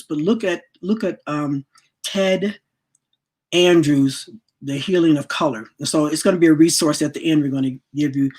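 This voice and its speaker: Her voice is deep and a little mellow, with a breathy edge: a spiritual wellness teacher in her late sixties talking casually to a workshop audience. She rambles in a chatty way and repeats words while she gropes for them.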